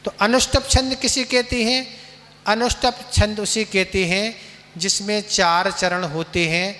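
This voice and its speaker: High-voiced man slowly teaching Sanskrit recitation. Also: steady tone, bright, forceful tone. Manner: patient, asks and answers his own questions; slow drawn-out chanting with repeats. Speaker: Jain monk teaching scripture recitation. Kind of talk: teaching Sanskrit pronunciation, chanting verses. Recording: long hall reverb.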